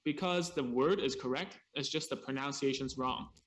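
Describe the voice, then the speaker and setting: A man presenting a seminar as a speech therapist, explaining in short chunks over a video call and pausing for an interpreter, with casual asides. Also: medium pitch, fairly bright tone. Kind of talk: seminar talk paused for interpretation.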